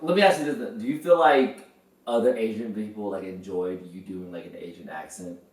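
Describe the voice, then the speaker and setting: A man, a comedian guest, talking in casual podcast chat, animated and laughing often. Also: lowish voice, fairly quick. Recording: echoey room, far from mic.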